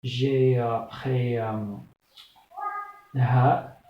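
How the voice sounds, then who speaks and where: A man's voice: medium pitch, slow. A man teaching an Arabic lesson, patiently sounding out syllables one by one and repeating them. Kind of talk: slow spelled-out language lesson. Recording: echoey room, dull lo-fi sound.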